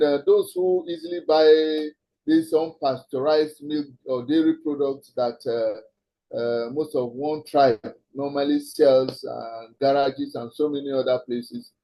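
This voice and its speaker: A man's voice: mid-range voice, unhurried, mellow, low-quality recording. Earnest Nigerian man giving health advice. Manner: earnest, repeats warnings, many fillers. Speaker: health talk host. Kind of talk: advice talk on an online call.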